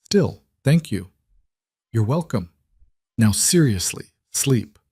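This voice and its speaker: A man voicing a steady single dad who speaks calmly and reassuringly in a storybook narration. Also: mid-range voice, slow pace, vocal fry, breathy edge, no echo, studio quality, heavily acted.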